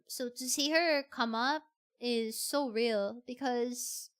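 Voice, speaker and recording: Her voice is fairly high with a clean tone. She's a Filipino VTuber who talks casually on stream in a Filipino accent, repeating phrases now and then to stress a point.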